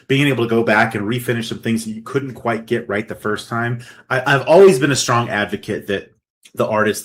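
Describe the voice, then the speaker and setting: A man's voice: medium pitch, fairly bright tone. A man hosting a podcast interview, asking questions and reacting with enthusiasm. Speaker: podcast host.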